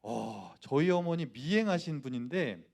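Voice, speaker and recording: A man's voice: medium pitch, animated, a little slow, vocal fry, a little mellow. A male pastor from Gangwon Province in Korea preaching a storytelling sermon in church, acting out dialogue and speaking directly to the congregation. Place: church, Friday prayer meeting.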